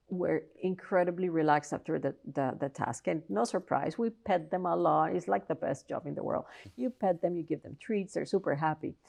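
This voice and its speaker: A Colombian woman, a professor and researcher, answers interview questions as a guest in a Colombian Spanish accent. Her slightly low voice has a gravelly edge and a darkish tone. She explains earnestly and often restarts her sentences.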